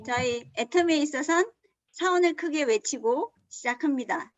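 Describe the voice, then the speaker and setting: A woman's voice: high-pitched, lively intonation, normal speed. A woman hosting an online Zoom seminar, greeting everyone and introducing the speaker in an upbeat emcee manner over a video call. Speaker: seminar host.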